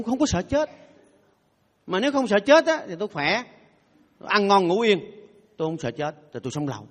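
A Buddhist monk giving a playful, humorous dharma talk, leading his audience in call-and-response chanting. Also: sits high. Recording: long hall reverb.

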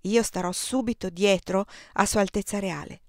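A woman's voice: mid-range voice, steady tone, darkish tone, no echo, studio quality, lightly acted. A woman reading as a formal young count. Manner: polite, brisk instructions.

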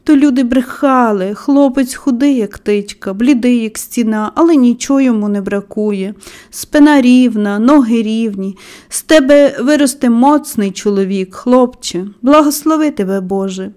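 A woman voicing a blunt, gruff old male gardener with a husky voice in a storybook reading. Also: fairly high pitch, normal speed, warm tone, natural voice. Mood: moved. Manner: blunt, outspoken.

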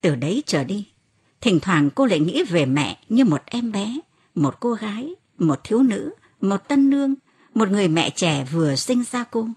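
Expressive woman reading a novel aloud, husky tone. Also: mid-range voice, moderate pace. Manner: expressive reading, lifts her voice for quoted cries. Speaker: audiobook narrator. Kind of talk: scripted narration of a novel.

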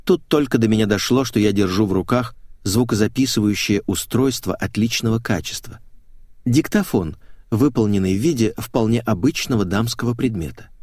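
A man narrating an audiobook in the first person, wry and measured. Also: fairly low pitch, darkish tone, no echo, studio quality.

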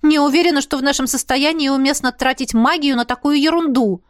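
A woman's voice: sits high, moderate pace, no room sound, clean studio sound, voice pushed up, natural voice. A woman voicing a spirited young heroine in an audiobook, asking eager, urgent questions.

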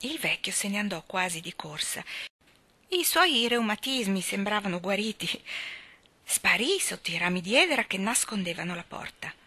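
A woman narrating a children's novel aloud with a gentle, expressive storytelling manner. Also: medium pitch, moderate pace. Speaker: reader.

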